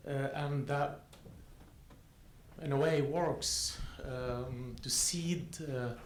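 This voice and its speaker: A man's voice: medium pitch, fairly even intonation, drawn-out words. A man from Aleppo, an audience member asking a question at a panel, hesitant and full of fillers. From Syria, Aleppo. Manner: hesitant, many fillers and restarts. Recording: roomy hall, faint noise.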